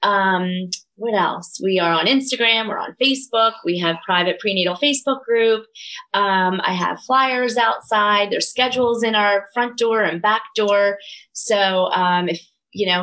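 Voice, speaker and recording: Speaking unhurriedly with a sharp edge to her medium-pitched voice, this middle-aged woman is a yoga studio owner being interviewed. She hails from Delaware County, Pennsylvania, has a Delco accent, and chats casually with earnest enthusiasm over a low-quality recording.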